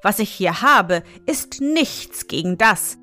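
A woman reading aloud, voicing a loyal, shrewd servant in a fairy tale, measured and persuasive. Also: medium pitch, expressive, bright, forceful tone, soft background music.

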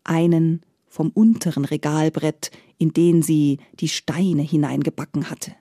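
A woman storyteller reading a fairy tale in a slow, soft, expressive way. Her voice sits a little low, mellow and husky-breathy, and the recording is dry and close. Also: no room sound.

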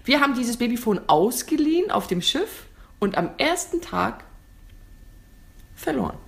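A woman co-hosting a casual chat podcast, speaking in a relaxed, blunt way. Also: a little high, a little slow, vocal fry. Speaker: podcast co-host.

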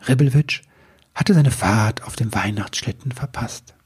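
A man narrating a children's Christmas tale in a calm, expressive storyteller's manner. His middle-pitched voice is strikingly husky and breathy throughout. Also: measured pace.

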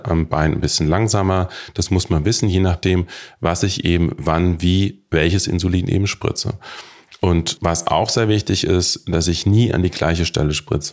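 A man's voice: sits low, darkish tone. Ein Arzt erklärt ruhig und sachlich, wie man Insulin spritzt und lagert. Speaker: diabetes doctor. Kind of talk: explaining to camera.

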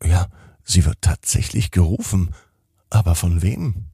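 A man's voice: deep voice, lively intonation, a little slow, vocal fry, dark tone, breathy edge, no echo, clean studio sound. A man narrating a children's bedtime story in a soothing, lilting way.

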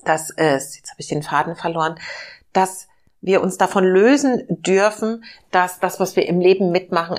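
On the low side and a little hoarse from a cold, this podcast host's voice carries a reflective self-help talk. She is gentle and searching, leaning on many fillers.

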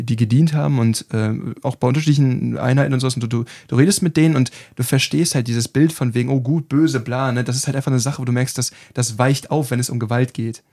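A man talking fast at a middle pitch in a casual podcast chat. He explains his points as a self-defence trainer, stacking thoughts quickly and checking in with short tag questions. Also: a little mellow.

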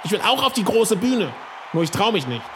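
A performer voicing a small, eager mouse rapper in a children's audio drama, telling the story excitedly and sounding anxious. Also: medium pitch, a little fast, noisy background, close to an everyday voice. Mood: fearful.

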